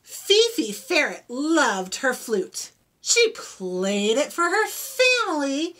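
A woman with a high voice reads a storybook to children slowly and animatedly. She teaches vocabulary as she goes and asks the kids questions.

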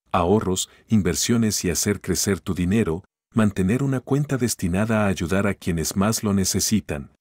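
A man reads a scripted finance lesson in a very low, husky voice. He speaks steadily and instructively, advising the listener directly. The recording is close and dry, with no room sound. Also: darkish tone, no room sound. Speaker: narrator of a finance channel. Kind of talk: scripted voice-over narration.

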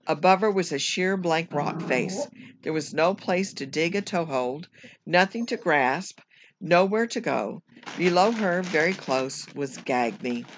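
A teacher reading a children's chapter book aloud at home, measured and careful, now and then correcting a slipped word. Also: mid-range voice, lively intonation, a little hiss or hum. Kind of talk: storybook read-aloud.

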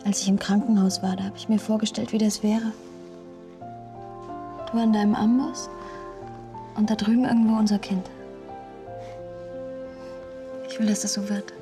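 An actress plays a young expectant mother, frightened but stubborn. Her voice sits at a medium pitch. It is television drama dialogue with music clearly underneath. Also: little pitch movement, brisk, long pauses, lightly acted. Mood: pleading, soft. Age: young adult. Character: frightened, stubborn young pregnant woman refusing treatment. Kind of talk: TV drama acting.

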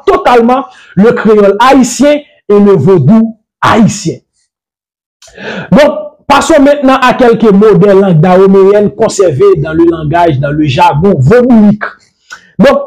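A man with a high, darkish voice gives a methodical, didactic lecture on language and religion, captured with poor audio. He chains his points together with frequent "donc" and slowly, deliberately spells out lists of words.

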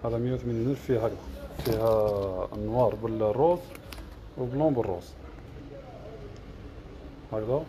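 Fast-talking Algerian shoe seller. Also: male voice, medium pitch, noisy background. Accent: Algerian Arabic. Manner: rattles off prices and colors in a list. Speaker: shop seller. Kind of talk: product showcase livestream. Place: shoe shop.

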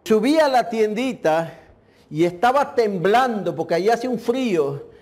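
Male pastor, high voice, earnest testimony-style sermon. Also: lively intonation, unhurried, a little mellow. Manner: storytelling, earnest and emotional. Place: church in Puerto Rico.

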